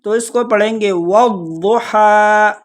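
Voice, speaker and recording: A Quran recitation teacher, explaining pronunciation step by step and slowly drawing out each example word. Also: mid-range voice. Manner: slow, drawn-out recitation of examples between explanations.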